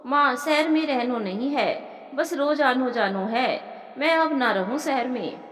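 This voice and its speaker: A woman's voice: high voice, measured pace, fairly bright tone. A woman voicing a worried, puzzled young village husband in a storybook narration, speaking earnestly. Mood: questioning. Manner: questioning, earnest. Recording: roomy with long reverb.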